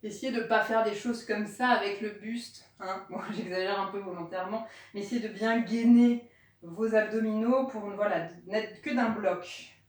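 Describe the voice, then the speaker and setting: A woman's voice: medium pitch, moderate pace. A woman leading a home workout, cueing breathing and counting aloud, a little out of breath as she demonstrates. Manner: encouraging, counts out loud and cues breathing. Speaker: fitness instructor. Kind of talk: guided home workout coaching. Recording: echoey room, voice from far off.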